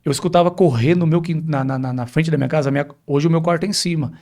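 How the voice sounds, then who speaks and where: Brazilian man with a fairly high voice. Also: fast talker, a little mellow. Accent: Brazilian Portuguese. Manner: vivid storytelling, acting out quoted dialogue. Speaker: pastor, podcast guest giving testimony. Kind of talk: personal testimony on a podcast.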